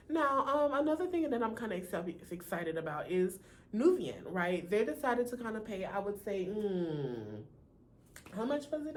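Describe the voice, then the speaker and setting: An American woman talks to her viewers in a casual, sassy way. Her speech has a slight lisp from wearing braces. She sits at an average pitch for a woman and peppers her chat with familiar little tags like "honey" and "right?". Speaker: video host.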